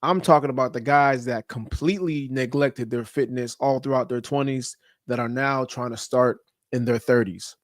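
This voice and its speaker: A man's voice: medium pitch, steady tone, normal speed, dry recording, studio quality. A man hosting a podcast, giving a blunt motivational talk about fitness and habits, with casual profanity and slang. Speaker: podcast host. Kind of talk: motivational monologue.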